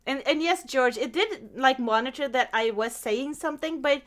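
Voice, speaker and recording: At a normal speed and in a high voice, a woman hosts a podcast with casual conversation. She spins stories animatedly, acting out her own reactions.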